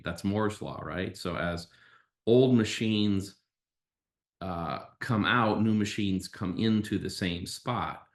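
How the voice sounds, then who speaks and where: Podcast host, male, low voice, emphatic opinionated explainer who poses his own questions, recorded in an echoey room. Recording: roomy, echoey sound.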